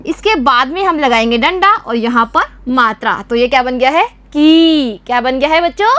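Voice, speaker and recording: A woman teaching a children's Hindi lesson with a Rajasthani Hindi accent, patient and slow, quizzing the class with repeated questions. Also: high-pitched, expressive, a bit bright, dry recording. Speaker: primary school teacher.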